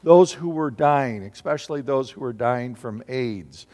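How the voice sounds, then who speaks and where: A man delivers a sermon from the pulpit, his voice carrying a long reverb through a large hall. His pitch sits in an ordinary middle range, and he keeps turning to the congregation with questions. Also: expressive, measured pace, darkish tone. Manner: asks the congregation questions and calls for responses. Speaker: pastor.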